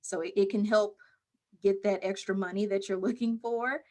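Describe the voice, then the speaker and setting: A woman mental health counselor answering interview questions in a calm, measured, explaining way. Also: medium pitch.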